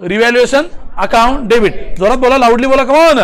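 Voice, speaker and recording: A man with a Marathi accent teaching an accounting lesson, repeating steps and pressing students to answer aloud quickly. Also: very high voice. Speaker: commerce teacher.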